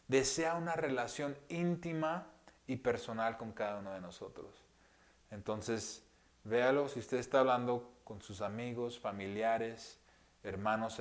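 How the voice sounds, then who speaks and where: Soft-spoken man preaching a gentle sermon. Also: mid-range voice. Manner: gentle, conversational, many fillers and rhetorical questions; drops to a hushed soft voice often. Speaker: pastor. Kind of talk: sermon teaching.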